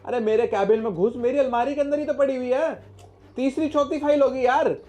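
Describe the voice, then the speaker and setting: A harried young husband. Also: male voice, extremely high pitch, a little fast, a little mellow. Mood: exasperated. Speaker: son-in-law. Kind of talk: comedy sketch acting.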